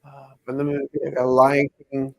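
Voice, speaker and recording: A man with a gravelly, mid-pitched voice chats casually, rambling and thinking aloud as he works. The sound is dry and close, with no room echo. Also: monotone, fairly quick, darkish tone. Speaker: pin collector host. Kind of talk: casual chat while hanging pins.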